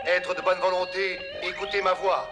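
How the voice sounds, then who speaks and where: High-voiced, desperate castaway played by a man. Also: little pitch movement, normal speed, reverberant, lightly acted. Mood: desperate pleading. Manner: solemn, pleading, declamatory. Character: desperate male castaway sending a distress call. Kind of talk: dramatic cartoon dub. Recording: distress transmission with music behind.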